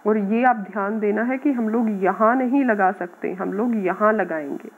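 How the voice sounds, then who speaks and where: A woman teacher patiently explaining a grammar lesson to schoolchildren, sounding out words slowly. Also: mid-range voice, slight background noise. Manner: patient, addresses students as "beta", repeats words slowly. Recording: tinny phone-like audio.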